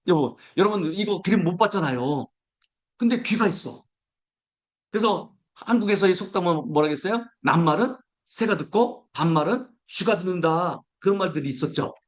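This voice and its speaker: A male pastor preaching a sermon, acting out everyday complaints with a raised voice and slowing down to recite scripture. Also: high-pitched.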